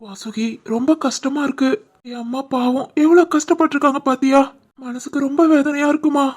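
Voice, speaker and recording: A woman voicing an earnest, soft-hearted young husband and son in an animated family drama, with a Tirunelveli Tamil accent. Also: mid-range voice, fairly quick, close to an everyday voice. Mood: tearful. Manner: earnest, pleading.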